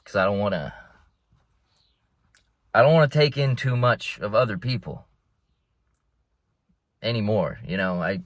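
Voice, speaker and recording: A man's voice: on the low side, expressive, unhurried, pauses often, dry recording, clean studio sound. A young man vlogging from inside a car, rambling in a laid-back way and calling his listeners bro. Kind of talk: casual rambling monologue.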